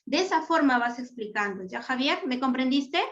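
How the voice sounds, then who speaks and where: A woman teacher guides her students through an assignment in an online class, speaking patiently and checking in with tag questions. Her voice is high, and the sound is dull and lo-fi. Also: lively intonation, normal speed, a bit bright. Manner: patient, explains step by step, ends phrases with tag questions. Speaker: school teacher.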